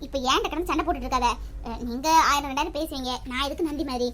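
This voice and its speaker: A blunt younger sister, played by a woman, speaks curtly and impatiently in a family skit. Her voice is high, with faint noise behind it. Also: rapid-fire, a bit bright. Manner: curt, impatient.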